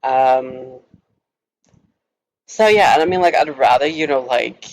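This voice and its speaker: In a low-quality recording, a young vlogger from Norway, a native Norwegian speaker, tells a story to camera at a slow pace with a mid-range voice. His style is casual and meandering, full of filler words and frequent giggles.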